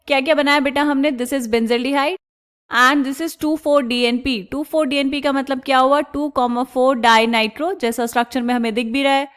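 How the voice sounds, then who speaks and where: A woman teaching chemistry step by step, asking questions and answering them herself, and drawing out technical terms slowly. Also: high-pitched, a bit bright, clear, resonant tone. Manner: asks the class questions and answers them herself, calls students "beta"; slows down and stretches out technical terms. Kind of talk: explaining step by step on a board.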